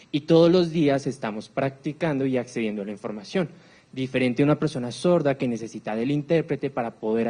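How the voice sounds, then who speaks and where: Man at mid pitch, lecturing a university crowd and drawing them in with questions. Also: darkish tone. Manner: engaging, quizzes the audience with questions. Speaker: speaker on accessibility for deaf people. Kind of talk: live talk to an audience.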